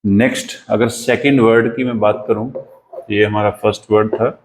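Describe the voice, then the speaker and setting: A man teaching English vocabulary in a classroom-lesson style, with an Indian accent, repeating each word slowly for pronunciation drills. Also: on the low side, flat delivery, slight background noise, rough recording.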